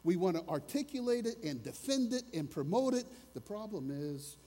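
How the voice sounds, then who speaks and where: A man's voice: high voice, very animated, normal speed, mellow, long reverb tail. A man preaching a sermon as a pastor, earnest and conversational, asking his listeners questions as he goes.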